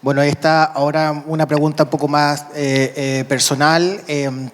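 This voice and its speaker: A man's voice: fairly high pitch, flat delivery, moderate pace. A man moderating a panel, asking questions hesitantly with many fillers. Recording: long hall reverb.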